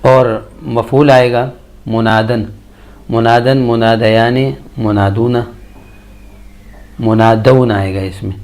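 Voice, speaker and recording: A man teaching Arabic verb conjugations in a slow, measured lesson, reciting tables one form after another. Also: mid-range voice, little pitch movement, darkish tone. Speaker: Quran and Arabic grammar teacher.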